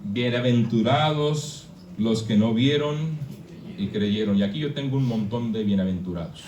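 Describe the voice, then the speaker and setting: Speaking at a normal pace in a mid-range, darkish voice, a pastor from Mexico delivers a conversational sermon filled with questions to his congregation. The setting is a church hall, and the recording is echoey, with him far from the mic.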